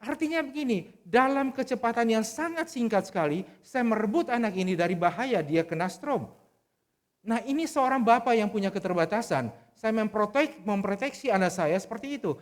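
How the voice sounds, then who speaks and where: A man's voice: sits high, lively intonation, normal speed. A middle-aged man preaching a sermon, telling a personal story in an earnest, conversational way with frequent restarts. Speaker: pastor. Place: church service.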